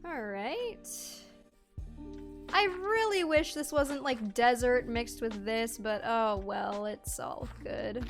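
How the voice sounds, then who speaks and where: A woman's voice: fairly high pitch, lively intonation, takes it slowly, over music. A Canadian-born woman streaming a game, chatting casually and reading chat aloud, laughing often.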